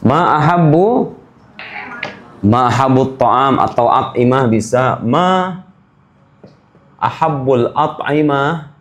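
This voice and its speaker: A man teaching a language class, repeating phrases slowly for students to copy and dropping playful asides. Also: medium pitch. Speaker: Arabic teacher.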